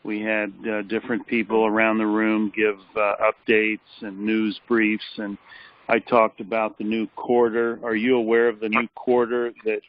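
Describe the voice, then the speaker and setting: Man, tired caller, low voice, flat and hesitant, dry dull phone line. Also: moderate pace, no echo. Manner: flat, hesitant, many fillers. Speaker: caller giving a meeting report. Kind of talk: casual chat. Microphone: telephone.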